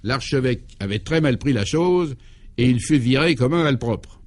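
A man narrating a comic radio serial in a droll, mock-solemn way, dropping his voice low on the punchlines. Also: expressive, moderate pace.

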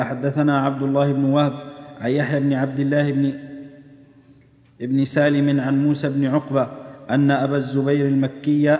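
A man reading religious texts aloud in a steady recitation. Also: medium pitch. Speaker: reader of hadith text. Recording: echoey hall, dull old tape.

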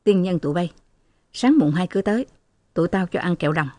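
A woman reading the lines of a sly older man who quietly mocks his guests, in an audiobook. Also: lowish voice, expressive, fairly quick, dry recording, studio quality, close to an everyday voice.

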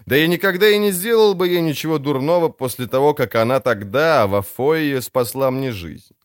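Picture a sly, self-satisfied crime boss, smooth and expansive as he talks his way out of trouble, his pitch rising and falling freely. A man reads him in an audiobook, recorded dry and close. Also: animated, normal speed, no echo, close to an everyday voice. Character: vain sly older male crime boss. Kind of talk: audiobook character voice.

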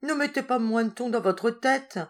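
A woman's voice: a little high, animated, measured pace, pitched above the performer's own voice. A woman reading aloud, voicing a fragile, childlike young madwoman who pleads in a raised voice. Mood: childlike pleading.

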